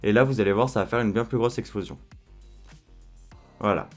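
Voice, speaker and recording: Chatty man narrating a software tutorial. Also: lowish voice, fairly quick, faint music behind. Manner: relaxed, chatty, with fillers like euh and hein. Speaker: tutorial host. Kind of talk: screen-recorded software tutorial.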